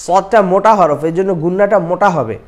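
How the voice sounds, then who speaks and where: A man's voice: high-pitched, animated, a little fast. A man teaching Quran recitation, explaining pronunciation and repeating syllables to drill them. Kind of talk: recitation lesson with slow chanting and quick explanation.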